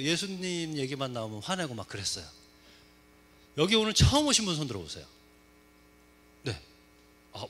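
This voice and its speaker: Lively, high-voiced man joking with a congregation. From Seoul. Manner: lively, joking, asks the audience questions. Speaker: guest speaker at a church service. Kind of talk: humorous church talk to a congregation. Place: church sanctuary.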